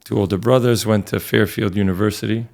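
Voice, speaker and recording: Middle-aged priest, deep gravelly voice, earnest and relaxed when he recounts his past. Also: fairly quick. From Connecticut, USA. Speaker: priest, guest. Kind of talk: conversational interview storytelling.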